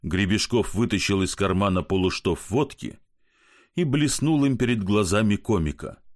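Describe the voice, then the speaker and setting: Expressive male storyteller. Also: lowish voice, moderate pace. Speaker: narrator. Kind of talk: audiobook narration.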